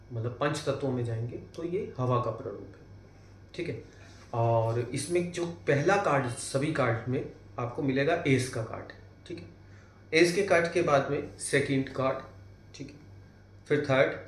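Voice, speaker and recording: A man's voice: medium pitch, a little hiss or hum. A man with a Hindi accent teaching tarot basics, walking through each card and often checking in with tag questions and fillers. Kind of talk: explaining cards one by one. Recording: echoey room.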